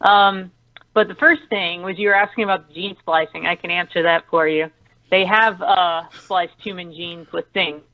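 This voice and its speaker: A woman's voice: lowish voice, fairly even intonation, moderate pace, no echo. Chatty woman caller on a dry phone line. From Tennessee. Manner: chatty, rambling, eager. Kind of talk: call-in radio chat.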